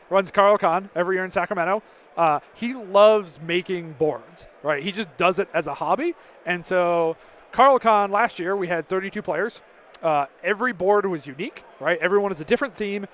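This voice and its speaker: A man with a fairly high voice chats through a live tournament stream, reading out viewer questions and answering them in a loose, filler-heavy way. His voice sounds a bit worn, like he is starting to lose it. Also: fairly bright tone. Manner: chatty, answers chat questions, frequent fillers. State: slightly losing his voice. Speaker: tournament commentator. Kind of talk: casual live-stream commentary.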